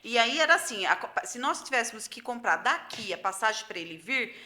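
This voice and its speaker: A woman's voice: fairly high pitch, expressive, fairly quick, pushed and bright. Heartfelt middle-aged Brazilian woman. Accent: Brazilian Portuguese. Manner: heartfelt, emphatic, near tears. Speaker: guest mother. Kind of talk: emotional personal testimony.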